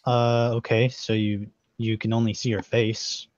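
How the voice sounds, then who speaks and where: A man narrating as game master in a tabletop game, halting and full of fillers. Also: lowish voice, level tone, darkish tone, no echo, lo-fi sound.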